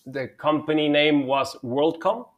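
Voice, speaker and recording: The audio is dull, and the man's voice sits on the high side at an unhurried pace. He's from Spain and runs a telecom consulting firm, and as an interview guest he recounts his career hesitantly, full of fillers and false starts.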